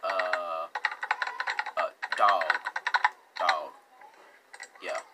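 In a very noisy recording, a young man with a low, steady voice talks extremely slowly as he reacts on camera in a green-screen room. As a reaction video host, he keeps it casual and slangy, repeating himself and joking around with exclamations.

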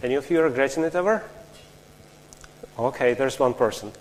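A Russian conference speaker gives a technical talk in a large lecture hall, his mid-range voice fairly quick and trailing a long reverb over a faint hum. He explains step by step, often restarts phrases, and puts questions to the audience.

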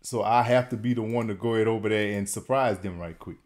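A man's voice: fairly low pitch, fast, a little mellow. A man hosting a casual reaction video, talking loosely, repeating words as he stumbles, and laughing often. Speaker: reaction channel host.

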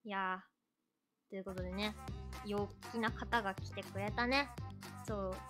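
A woman streamer hosts a casual livestream chat with a call-in guest, her manner cutesy and giggly. Her voice is mid-range and steady at a measured pace, with background music underneath.

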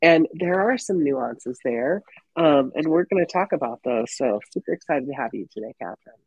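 A woman's voice: very deep voice, lively intonation, normal speed, a little mellow, husky, no echo. A woman hosting an interview show over a video call, sounding congested and nasal at the tail end of covid, upbeat and chatty with many ums. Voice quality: stuffy, nasal. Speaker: podcast host. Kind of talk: casual interview chat. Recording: muffled dry video-call audio.

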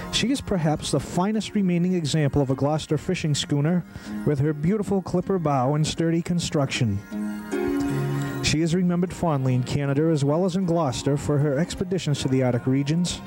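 Male narrator, somewhat high voice, measured formal read, music bed clearly under it. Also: rough recording. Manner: measured, formal, reading a list. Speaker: documentary narrator. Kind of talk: scripted narration. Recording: voice-over with loud music bed.

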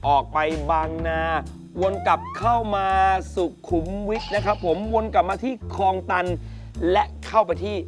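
Comedy sketch, a man as a lively high-voiced boss, pitch meeting, music behind. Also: normal speed, natural voice. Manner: loud, animated, breaks into laughter. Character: eager male company boss pitching to a client.

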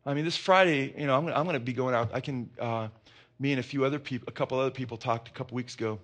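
Animated pastor telling stories. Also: male voice, medium pitch, fast. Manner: animated storytelling, many restarts and asides. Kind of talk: conversational sermon with personal anecdotes.

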